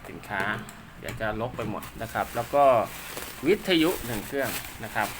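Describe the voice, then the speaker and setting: Brisk and on the low side, the man's voice rambles politely through hands-on remarks as he sets up gear, half to himself. He's a radio technician and seller presenting what he's built. Background noise is present.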